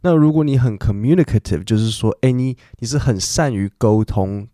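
A man's voice: medium pitch, moderate pace, warm tone, dry recording, clean studio sound. A man, hosting a casual podcast lesson and explaining English words in a chatty way full of fillers. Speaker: podcast host and English teacher.

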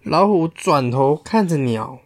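A man's voice: fairly high pitch, expressive, unhurried, dry recording, studio quality. A father reading a picture book aloud to his child, playfully asking questions along the way. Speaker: storyteller parent.

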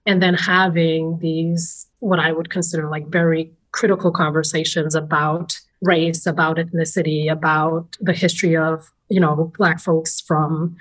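A woman's voice: low-pitched, flat delivery, a little slow, hardly any pauses, low-quality recording. A woman in her thirties with a New York accent, a podcast guest telling her life story in an articulate, reflective way. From Senegal, raised in Harlem, New York. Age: 30s. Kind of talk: podcast interview.

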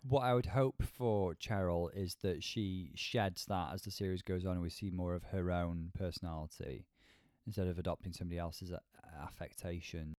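A man with a lowish voice talks through a critique as a co-host, choosing his words in an articulate, measured way. The sound is close and dry. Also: fairly even intonation, a little mellow, clean tone, no room sound. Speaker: podcast co-host reviewing a TV show. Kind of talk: conversational critique.

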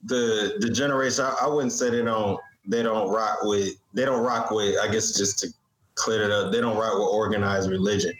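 An American man explaining his view in casual discussion, in a halting way. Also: lowish voice, steady tone. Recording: roomy, echoing sound.

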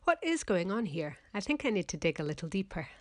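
A woman's voice: medium pitch, big pitch swings, fast talker. A woman raised in Scotland and England, presenting a personal audio essay and interviewing. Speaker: researcher and podcast storyteller.

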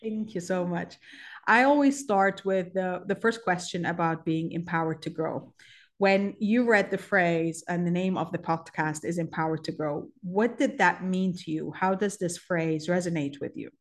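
A woman's voice: fairly low pitch, moderate pace. A woman hosting a podcast, opening with an upbeat, emphatic introduction and then interviewing her guest with frequent fillers. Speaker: podcast host.

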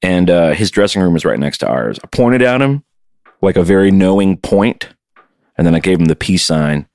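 A deep-voiced man co-hosting a casual podcast from his home music studio, his voice very low and the sound dry and close. He talks loosely, cracking crude jokes and swearing as he chats. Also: expressive, normal speed, a little mellow, dry recording. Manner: loose, joking and profane. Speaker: podcast co-host and touring musician.

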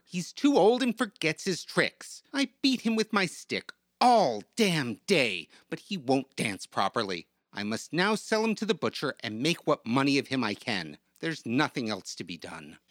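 A man's voice: on the high side, wildly swooping pitch, moderate pace, few pauses, fairly bright tone, no room sound, clean studio sound. Man doing a harsh, stubborn monkey trainer. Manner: gruff, hard-hearted orders.

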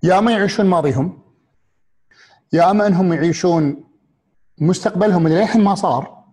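A man with a Gulf Arabic accent giving a reflective motivational talk, asking one rhetorical question after another and pausing on fillers and restarts. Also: high voice, a little mellow. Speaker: speaker on happiness and mindfulness.

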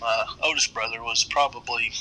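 A middle-aged man with an Appalachian accent, telling a story casually in a halting, rambling way. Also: mid-range voice, steady tone, bright, forceful tone, poor audio. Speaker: guest storyteller.

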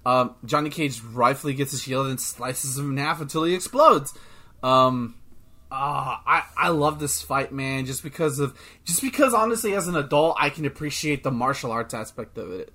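Excitable rambling man, bright voice. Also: medium pitch, normal speed. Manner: rambling, excitable, swears often. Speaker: podcast co-host. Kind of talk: casual chat.

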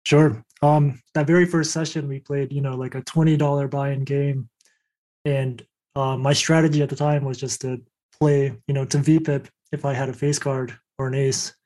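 A man's voice: mid-range voice, level tone, normal speed, a little mellow. A young adult man telling his story casually as a podcast guest. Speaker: podcast guest, poker coach.

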